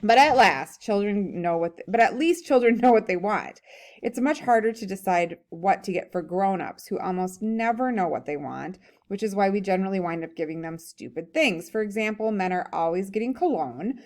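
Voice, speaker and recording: A woman's voice: mid-range voice, lively intonation, normal speed. A woman teacher reading a humorous story aloud, breaking off for chatty think-aloud comments and laughing while she reads.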